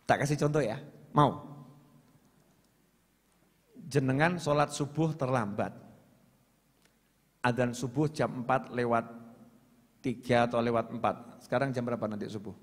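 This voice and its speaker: A man with a Javanese accent preaching, who swings from loud raised calls to low muttered asides. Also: unhurried, pauses often. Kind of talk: sermon. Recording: long hall reverb.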